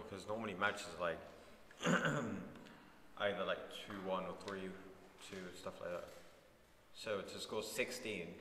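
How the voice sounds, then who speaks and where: A man's voice: sits low, fairly bright tone, a little hiss or hum. A teenage boy chatting casually as a student podcast co-host, matter-of-fact and teasing. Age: teens. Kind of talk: casual chat. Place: school room. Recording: echoey room with long reverb.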